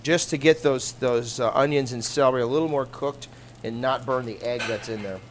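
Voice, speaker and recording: A man demonstrating a recipe in a studio kitchen, explaining each step in a relaxed, practical way. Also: mid-range voice, normal speed, a little hiss or hum. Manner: relaxed, practical, thinks aloud with small restarts. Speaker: cooking demonstrator, fisherman.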